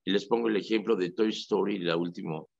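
Un sacerdote católico con acento mexicano que conversa en la radio, con un tono animado y enfático, como quien cuenta anécdotas. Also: male voice, deep voice, fairly quick, creaky, no room sound. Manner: animated, emphatic, storytelling. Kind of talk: casual radio talk. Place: radio studio. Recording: dry lo-fi radio audio.

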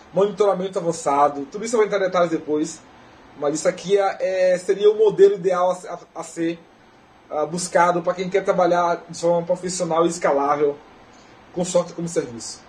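A man with a Brazilian Portuguese accent giving a technical lecture in a relaxed, conversational way, often tagging questions onto his sentences. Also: sits high, a little hiss or hum, poor audio. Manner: conversational, often tags "né?" and restarts phrases. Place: conference lecture hall.

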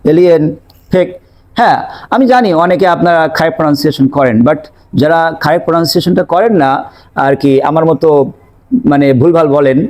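High mellow guy, keeps asking and answering his own drill questions in a lesson. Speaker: English pronunciation teacher. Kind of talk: video lesson.

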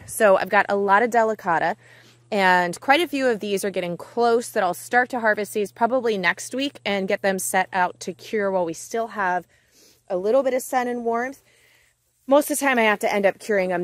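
A woman's voice: medium pitch, a bit bright, no room sound. Chatty woman touring her garden. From Pacific Northwest, US. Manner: chatty and enthusiastic, talks to viewers directly. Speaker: homesteading vlogger. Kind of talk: casual garden tour. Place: outdoor vegetable garden. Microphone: handheld phone at arm's length.

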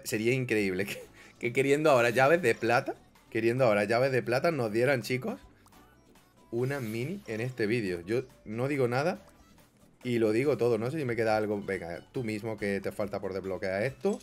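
A young man doing casual gameplay commentary, swinging grumbling mutters to excited yelps. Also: medium pitch, brisk, faint music behind. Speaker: gaming YouTuber.

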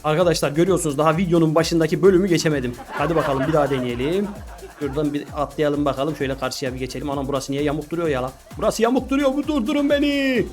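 Fast-talking excitable man gaming. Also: fairly high pitch, over music. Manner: exclaims and shouts often, laughs a lot. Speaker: gaming YouTuber. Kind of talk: excited gameplay commentary.

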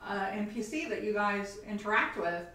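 A woman's voice: medium pitch, lively intonation, normal speed, bright, forceful tone. Chatty woman in a very echoey room. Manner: chatty, laughs often while telling stories. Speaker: game master and show host. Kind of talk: casual chat at a tea table. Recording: very echoey room, mic far off.

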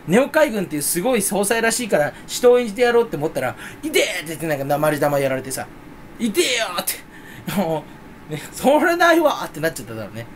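A young man talks on his own in a rambling, playful way, teasing himself as he goes. His voice sits high and swings widely in pitch. A faint ambient hum runs under the recording. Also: lively intonation, fast. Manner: rambling, playful, self-mocking; mock Kansai dialect in quoted bits. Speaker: streamer. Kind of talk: solo casual chat.

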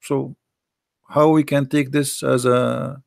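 A man from the Middle East, hoarse and losing his voice, insistently pressing rhetorical questions as host of an online debate. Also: medium pitch, little pitch movement, takes it slowly, darkish tone, dry recording.

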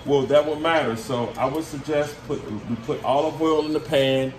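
A middle-aged uncle teaches his nephew to cook in a casual home kitchen video, coaching with slangy teasing in a steady, normal-paced voice on the high side. The camera sits a few feet away, so the sound is roomy and distant, with loud frying sizzle and running water in the background.

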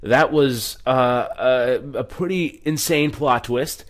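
A man speaking slowly at a medium pitch hosts a let's play, reading on-screen game text and reacting in a relaxed way. He often stumbles and corrects himself, and music runs under his voice.

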